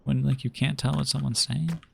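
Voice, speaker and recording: Young man, gravelly voice, streamer, casual rambling chat, lots of fillers, home desk mic. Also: medium pitch, fairly even intonation, a little fast, slight background noise. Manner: rambling, laid-back, many fillers and restarts. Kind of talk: casual chat while gaming.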